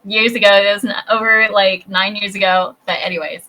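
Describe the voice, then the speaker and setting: Bubbly chatty woman with a bright voice. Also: steady tone, a little fast, poor audio. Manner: bubbly, chatty, acts out high-pitched voices in her stories. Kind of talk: casual podcast chat.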